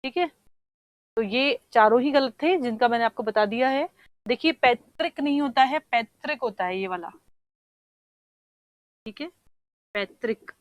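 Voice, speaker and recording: A woman teacher works through an exam paper in a fairly high voice. She explains each answer patiently, stops to check that students follow, and sounds tricky words out slowly. The sound is dry and close, with little room around it. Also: expressive, no room sound, rough recording. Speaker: Hindi teacher.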